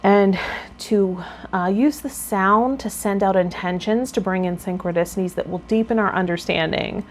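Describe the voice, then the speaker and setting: Speaking at a moderate pace in a medium pitch, a tarot vlogger and guide explains card meanings and then talks informally to her viewers. Background noise is clearly audible.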